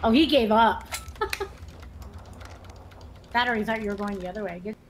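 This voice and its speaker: A woman's voice: medium pitch, expressive, moderate pace, a little hiss or hum. A woman chatting while gaming on a headset, exasperated and bantering, swearing freely. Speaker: gamer. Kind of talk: casual gaming chat.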